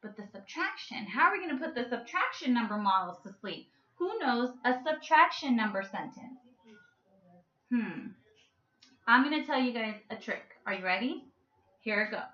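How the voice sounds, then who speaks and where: A woman's voice: on the high side, big pitch swings, normal speed, bright, forceful tone. A woman teaching a children's math lesson through a story, playful and coaxing, stretching out her words. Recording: echoey room with a muffled sound.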